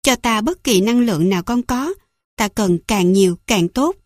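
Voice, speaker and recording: A woman narrator voicing an older woman healer, a hesitant but steady queen who speaks softly and in a measured way. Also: mid-range voice, no room sound, studio quality, lightly acted. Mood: urging.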